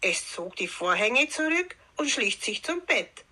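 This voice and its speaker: Slow, bright-voiced woman reading a fairy tale. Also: fairly high pitch. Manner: calm, unhurried storytelling. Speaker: storyteller. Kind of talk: fairy tale read aloud.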